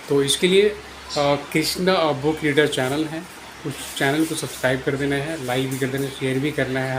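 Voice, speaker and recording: A man's voice: on the high side, slight background noise. A man giving a patient, repetitive lesson at a board, often checking that his students understand. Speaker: teacher. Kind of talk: whiteboard English lesson. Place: room with a board.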